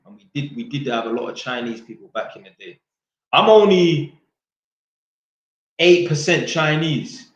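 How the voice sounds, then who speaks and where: In a very echoey room with dull audio, a man with a slightly high voice reads out viewer questions and answers bluntly. His chat is casual and slangy, full of jokes and free swearing.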